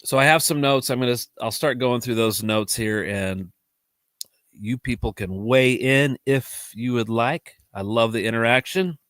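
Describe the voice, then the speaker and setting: On his solo livestream, a male podcast host speaks at a normal speed in a mid-range, fairly bright voice made nasal by allergies. He talks casually, rambles, restarts his sentences and frequently laughs, and the studio-quality audio has no room sound.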